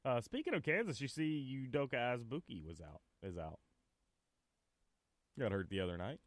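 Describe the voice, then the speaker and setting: Easygoing Midwest co-host, lively voice. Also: male voice, mid-range voice, normal speed, no room sound. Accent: American Midwest. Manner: laughs easily, talks in long, searching sentences. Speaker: sports radio co-host. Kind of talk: casual sports talk radio banter.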